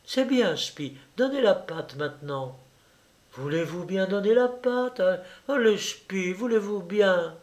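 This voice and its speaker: A man's voice: a little high, expressive, a little slow. A man voicing an affected young woman who gushes and coos baby talk at her little dog. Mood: cooing. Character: gushing, affected young Parisian woman fussing over lapdog.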